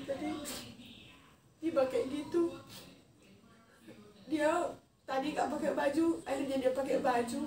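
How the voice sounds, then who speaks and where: High-voiced woman, emotional, echoey and distant. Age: 30s. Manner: halting, emotional recounting. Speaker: vlogger. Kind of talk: personal storytelling. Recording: echoey distant mic with noisy ambience.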